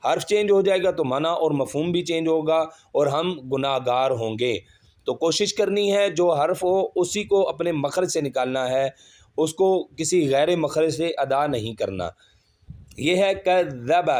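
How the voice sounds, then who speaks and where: Patient male Quran reading teacher. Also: fairly high pitch. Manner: spells out letters and vowels syllable by syllable, then blends them. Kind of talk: slow step-by-step recitation lesson.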